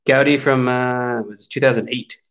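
A man in his forties hosts a card break, casually talking through each pack he opens with wry, mock-grumbling remarks about his pulls. His mid-range voice is steady and fairly bright, with some vocal fry, and he speaks at a normal speed.

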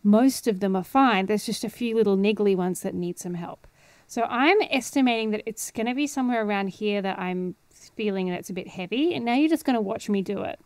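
An audio producer gives a casual screen-share tutorial from her indoor home studio, explaining things chattily. Her mid-range voice is fairly quick, and the dry recording comes through headphones and a close studio microphone.

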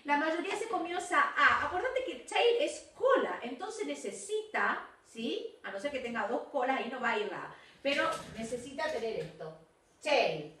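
Role: English teacher. Sex: woman. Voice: high and lively. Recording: roomy and distant. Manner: stretches out English words slowly and switches to quick explanations. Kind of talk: recorded video lesson correcting homework.

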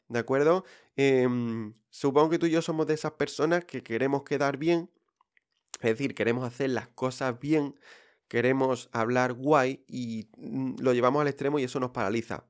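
In his casual podcast monologue, a man with a Spain Spanish accent addresses listeners head-on. Fillers come up often, but his mid-pitched voice stays direct and reassuring.

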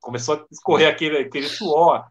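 A man, a podcast guest and event organizer, telling stories in lively fashion and acting out dialogue. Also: a little high, quick pace, crowd noise. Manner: animated storyteller acting out dialogue. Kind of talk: casual podcast storytelling. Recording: dull lo-fi podcast audio.

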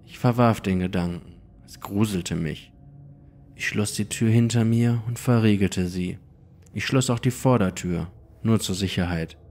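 Guy w a lowish voice narrating a creepy story, calm and steady. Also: unhurried, a little hiss or hum. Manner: calm, even first-person storytelling. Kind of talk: scripted horror story narration.

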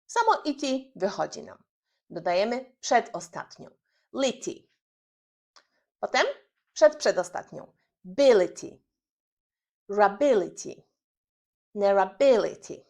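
A woman with a Polish accent gives a casual video lesson on an English word, lively and upbeat. Her voice sits at an ordinary middle pitch, and she keeps things light with easy fillers as she explains. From Poland. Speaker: English teacher.

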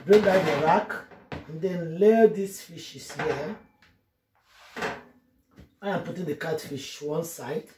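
A woman's voice: lowish voice, takes it slowly, long pauses. A woman vlogging a cooking tutorial from her home kitchen, chatting through each step to her viewers. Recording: roomy kitchen echo, faint noise.

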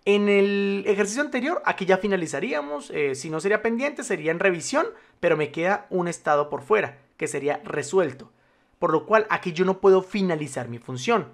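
A man's voice: sits high, lively intonation, fairly quick. A man teaching a spreadsheet tutorial, explaining step by step, reassuring the viewer and checking in often. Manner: formal address to the viewer, patient step-by-step explaining. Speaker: spreadsheet instructor. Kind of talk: screen-recorded software tutorial.

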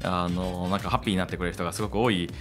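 Rapid-fire and steady, a low male voice belongs to a middle-aged radio host and company founder. He talks reflectively and conversationally, monologuing and interviewing from a table in a small room, using a table microphone on a stand while soft music plays.

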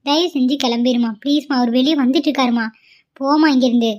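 A woman's voice: high-pitched, fairly even intonation, quick pace, a little mellow, lo-fi sound, lightly acted. A woman voicing a stubborn, devoted young wife in a cartoon, pleading and insistent. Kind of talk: cartoon voice acting.

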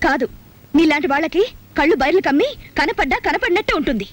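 An actress playing a sharp-tongued young unmarried woman in a film, firing quick retorts. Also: high voice, lively intonation. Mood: scolding. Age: young adult. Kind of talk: film dialogue.

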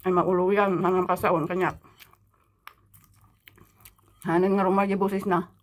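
A woman's voice: lowish voice, level tone, a little fast. A middle-aged woman from the Philippines chatting in a casual eating vlog, talking while chewing, chatty and gossipy. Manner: chatty, gossipy, laughs often. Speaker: vlogger. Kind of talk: casual mukbang vlog chat.

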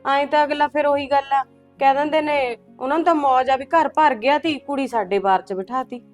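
A middle-aged woman as a gentle village mother, her voice a touch high and even. She coaxes and calms her children. Faint music runs under the scene. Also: fairly quick, lightly acted. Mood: soothing. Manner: calm, coaxing, keeps calling her children "son".

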